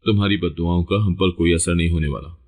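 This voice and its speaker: A man's voice: low voice, steady tone, fast talker, darkish tone, natural voice. A man voicing a cruel, bossy aunt giving curt orders in a storybook reading. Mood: harsh commanding. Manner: curt commanding lines, plainly read. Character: harsh bossy aunt by marriage, cruel woman.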